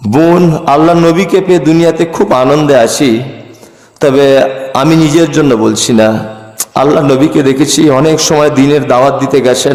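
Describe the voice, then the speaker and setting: A man voicing a gentle young wife who confides softly and tenderly to her sister. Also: close to an everyday voice. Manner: soft, low, tender. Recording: echoey hall-like PA reverb.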